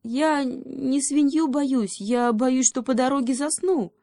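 Lady voicing a drowsy hedgehog, high and very slow, storybook. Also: dark tone, no echo, clean studio sound. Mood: sleepy. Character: sleepy little male hedgehog, calm and dry.

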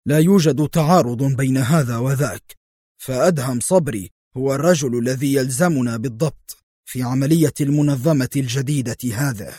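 A firm, commanding intelligence director speaks in a level, measured voice, as a male narrator reads him. The sound is dry and close, with no room around it. He gives orders briskly and expects to be obeyed. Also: medium pitch, mellow, slightly rough, no echo, lightly acted. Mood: stern. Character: stern middle-aged male intelligence director.

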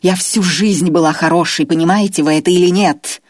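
A woman voicing a furious, self-righteous middle-aged woman writer who screeches scornful accusations in a raised, husky voice. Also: fairly low pitch, steady tone, brisk, a little mellow, no room sound, studio quality, close to an everyday voice. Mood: shrieking.

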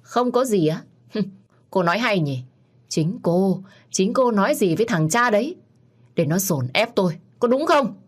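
A woman voicing a drunk, aggressive young man who shouts and taunts. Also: fairly low pitch, fairly quick, lightly acted. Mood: furious.

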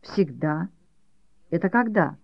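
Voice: mid-range voice, animated, slow, no echo. An audiobook reader voicing a blunt, impatient psychiatrist who presses with curt questions. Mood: probing. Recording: dull dry audiobook recording.

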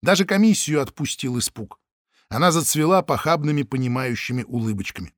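A man narrating an audiobook in a vivid, expressive storytelling manner. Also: mid-range voice, a little fast, no room sound, studio quality. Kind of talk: scripted narration.

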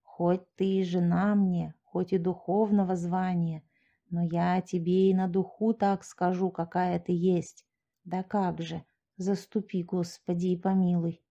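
A woman doing a slow grumbling sexton. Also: fairly low pitch, level tone, dark tone, muffled recording. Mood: accusing. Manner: slow, muttering, grumbling accusations. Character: gruff suspicious peasant sexton, middle-aged man.

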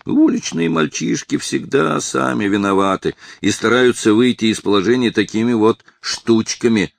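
A man's voice: mid-range voice, normal speed, creaky, dry recording, pitched above the performer's own voice, close to an everyday voice. A man reading the part of a dismissive, grumpy omnibus conductor.

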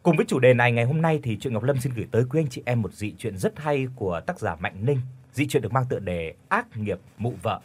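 A man narrating a scripted folk story as host, dramatic and animated. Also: medium pitch, fast talker, hardly any pauses, breathy edge.

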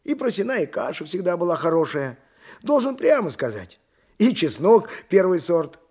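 Here the downtrodden ancient Greek donkey driver sounds high-pitched, his voice swinging widely in pitch at a moderate pace, a little mellow and slightly rough. The actor commits fully to the character in this audio drama, mixing first-person narration with dialogue. His tone stays plaintive and simple, resigned and full of sorrow.

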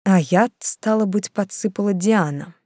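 A woman voicing a calm, measured middle-aged male detective in an audiobook. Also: medium pitch, dry recording, studio quality, natural voice.

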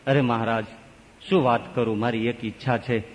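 A man voicing a timid younger sister who pleads softly in a low, hushed voice. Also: fairly even intonation, moderate pace, natural voice. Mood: pleading. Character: meek, tearful younger sister, timid and longing. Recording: long reverb of a large hall.

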